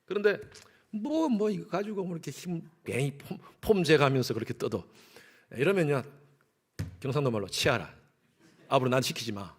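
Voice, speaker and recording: Animated Korean pastor preaching a sermon. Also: male voice. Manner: animated preaching, acting out little household dialogues; swings between loud exclamations and soft low asides. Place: church sanctuary.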